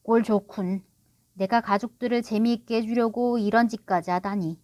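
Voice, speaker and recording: A woman's voice: a little high, animated, normal speed, no room sound, clean studio sound, natural voice. A woman voicing a proud, sulky middle-aged father who blusters and gets defensive. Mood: indignant.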